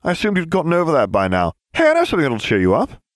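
A man voicing a sarcastic, petulant teenage boy wizard in a storybook reading, in a raised, quick voice. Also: fairly high pitch, huge pitch swings, dry recording, studio quality, voice pushed up. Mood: pleading. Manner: petulant, self-justifying.

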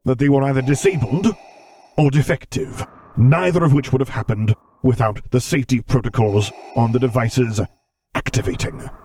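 A man voicing a menacing masked dark lord who speaks in a clipped tone of restrained fury through a vocoder. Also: sits low, expressive, slow, slight background noise.

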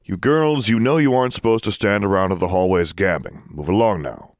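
A brusque, stern assistant dean, as the narrator voices him in a storybook reading. He speaks firmly, a little louder than the narration, in a dry close sound. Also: low-pitched, a little fast, no echo, close to an everyday voice. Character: brusque school assistant dean, grown man.

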